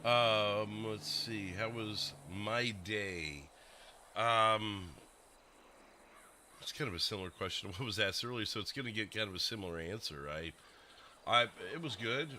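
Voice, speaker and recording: A man's voice: fairly low pitch, a little slow, bright, forceful tone. Man, livestream host, casual chat, rambling, lots of fillers, faint background noise. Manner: rambling, self-deprecating, many fillers. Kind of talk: casual chat with stream viewers. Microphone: desk microphone.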